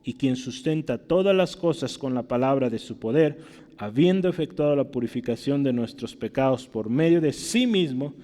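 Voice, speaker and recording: A man's voice: lively intonation, normal speed, warm tone. A man with a Mexican Spanish accent preaching a sermon, who reads scripture aloud in a raised voice and keeps asking his listeners to agree. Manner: reads scripture aloud, often asks "¿verdad?"; rises sharply in pitch and volume when reading verses. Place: church hall. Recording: long hall reverb.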